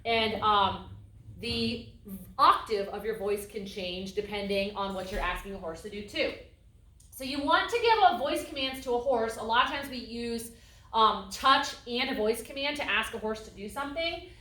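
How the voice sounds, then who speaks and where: Woman teaching about horses, kinda high voice, calm, sounds a bit far from the mic. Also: normal speed. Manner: calm, explanatory, demonstrates vocal tones. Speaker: instructor. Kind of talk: lecture on horse behavior. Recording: echoey room, mic at a distance.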